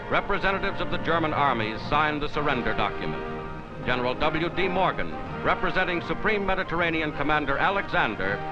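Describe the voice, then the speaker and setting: Rousing old newsreel announcer, a man. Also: a little high. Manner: emphatic, rousing announcer delivery. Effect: old newsreel sound. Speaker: newsreel narrator. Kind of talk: dramatic 1940s newsreel narration. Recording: muffled 1940s newsreel recording with loud music.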